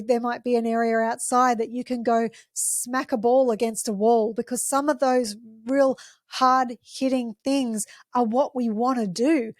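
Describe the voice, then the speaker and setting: A woman hosting a parenting podcast, explaining gently and using examples. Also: fairly high pitch, dry recording, studio quality.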